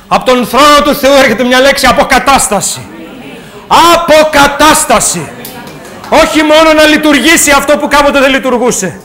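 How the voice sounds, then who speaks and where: A man preaching an impassioned sermon in church, shouting exclamations and chanting repeated refrains. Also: very high-pitched. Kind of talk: fervent sermon.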